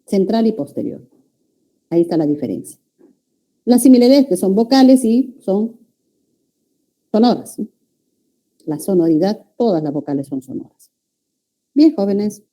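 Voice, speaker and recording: Peruvian woman teacher, dark mellow tone, explains step by step and checks in with the class. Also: mid-range voice, big pitch swings, moderate pace, pauses often. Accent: Peruvian Spanish. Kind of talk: university-prep lecture.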